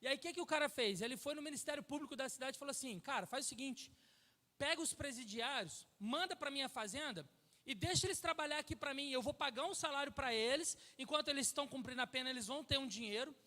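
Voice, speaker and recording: High-voiced Brazilian preacher in a hall. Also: male voice, fast talker. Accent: Brazilian Portuguese. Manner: storytelling preacher, acts out dialogue, rises to near-shouting peaks. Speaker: pastor. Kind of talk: sermon. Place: church hall. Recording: long church hall reverb.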